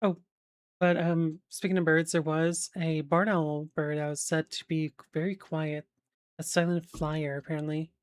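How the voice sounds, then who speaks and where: A woman's voice: low voice, flat delivery, unhurried. A woman streamer chatting casually, rambling with lots of fillers and the odd swear, checking facts aloud as she goes.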